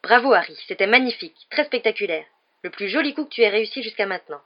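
A woman doing a muddy, grinning teenage team captain who sounds eager and full of praise. It is an audiobook reading in somewhat low tones, with muffled, lo-fi sound. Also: animated, quick pace, lightly acted. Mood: enthusiastic.

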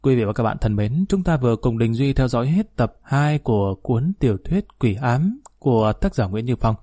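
A man narrating a novel in a measured, formal style. His voice is mellow, recorded close and dry. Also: medium pitch, lively intonation, dry recording. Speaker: audiobook narrator. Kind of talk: scripted storybook narration.

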